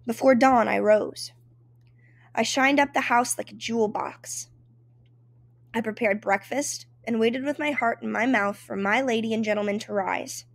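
A woman's voice: on the high side, normal speed, gravelly, no echo. A woman reading a first-person memoir aloud in an emotive, dramatic storytelling manner. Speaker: reader.

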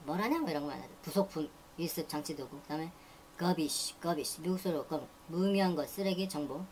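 A woman teaching English vocabulary, briskly repeating each word and reading its dictionary meanings one after another. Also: deep voice, darkish tone, a little hiss or hum. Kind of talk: reading dictionary entries aloud.

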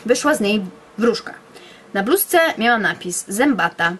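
A woman's voice: mid-range voice, animated, unhurried, a bit bright, slight background noise. A young woman reading aloud bedtime stories she wrote as a child, in a playful storytelling manner with offhand asides. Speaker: YouTuber.

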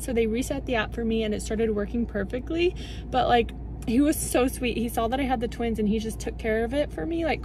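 A young woman talks to her phone from the driver's seat of a parked car. Her voice sits a little high, and she rambles in an easy, unscripted way, leaning on "like" between thoughts. It sounds like a casual vlog from a mother of twins. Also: a little mellow, a little hiss or hum, low-quality recording. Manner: chatty, rambling, says "like" a lot.

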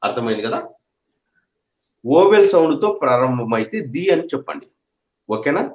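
A man's voice: on the high side, very animated, normal speed. A man teaching an English grammar lesson, repeating each point and checking that his students understand. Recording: echoey room.

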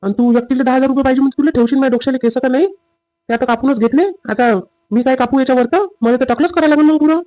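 A man playing a dutiful husband and son in a family drama skit, with a rapid, lecturing manner. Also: extremely high pitch, steady tone, darkish tone, dull audio.

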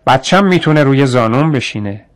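A man's voice: mid-range voice, expressive, close to an everyday voice. A man voicing a stout, kindly peasant mother in a radio story, speaking in a raised, pleading tone.

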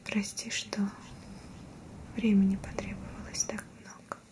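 Slow whispered role-play, mystical priestess played by a woman. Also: medium pitch, flat delivery, natural voice. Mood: soothing, reassuring. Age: young adult. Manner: slow, hushed, reverent, reassuring. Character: mystical female sea-cult priestess, solemn and soothing. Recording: whispered recording with clear background noise, ambience.

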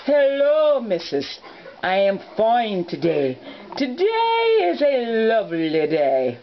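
A woman voicing a cheerful, polite male Scottish Terrier toy in a high, sing-song put-on voice with stretched-out words. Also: wildly swooping pitch, slow pace, slight background noise, exaggerated voice. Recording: dull lo-fi home recording.

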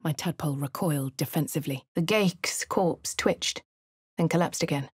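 In crisp, upper-class English tones, the actress behind a game's posh young woman adventurer ranges from hushed whispers to sharp shouts across her first-person lines. She speaks low-pitched at a moderate pace, recorded close on a studio mic without echo.

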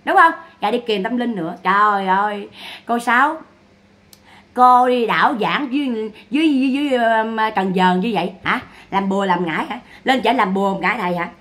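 A woman's voice: medium pitch, brisk, a bit bright. A woman giving mocking, scolding gossip commentary. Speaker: online commentator.

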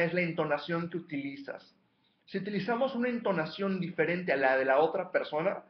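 A man's voice: high voice, echoey room, muffled recording. A man giving a motivational coaching talk, emphatically counting off numbered steps and repeating his key points. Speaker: life coach.

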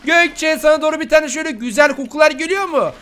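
A young man hosting a Minecraft role-play video, excitable and giggly as he talks to his viewers. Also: very high voice, fast talker, noisy background. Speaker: gaming YouTuber host.

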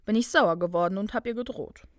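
A woman voicing a brooding young male wizard student, quiet and guilty. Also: a little fast, no room sound, clean studio sound, close to an everyday voice. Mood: subdued. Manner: quiet, subdued, low murmur.

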